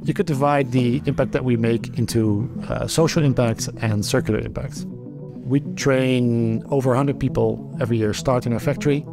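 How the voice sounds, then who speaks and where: Interviewed for a documentary, a company founder from the Netherlands, middle-aged and Dutch-accented, talks at a normal speed in a gravelly mid-range voice with fairly even intonation. He's thoughtful, with lots of restarts and fillers, and music plays in the background.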